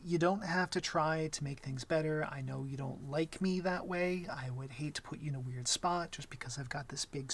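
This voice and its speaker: Flustered and full of apologies, a man portrays a timid, lovestruck young vampire for an intimate ASMR roleplay, speaking softly with hesitations and stammers. His voice is a little high and husky.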